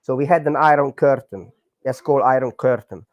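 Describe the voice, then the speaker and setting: Speaking with a Hungarian accent, a man in his forties from Hungary, a breakdancer, shares his story in a relaxed interview, full of fillers and halting non-native grammar. His voice sits at medium pitch, and there's no echo.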